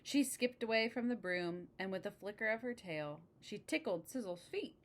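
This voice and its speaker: A woman's voice: medium pitch, normal speed. A woman reading a picture book aloud expressively, adding casual asides about the pictures.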